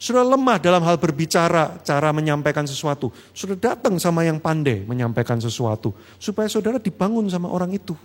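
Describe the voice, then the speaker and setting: A man, preaching a sermon in a church hall, animated and acting out quoted voices, then dropping low and slow for earnest points. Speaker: pastor. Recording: long church reverb.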